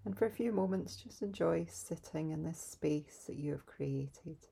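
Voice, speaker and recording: A woman leading a calm guided grounding exercise in a soft, soothing, unhurried way, pausing between instructions. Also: low-pitched, gravelly, husky. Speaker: meditation guide.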